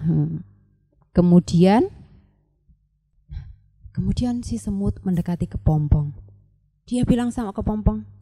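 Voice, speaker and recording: A woman telling a story to children at a church service, animated and repeating phrases for emphasis. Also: mid-range voice.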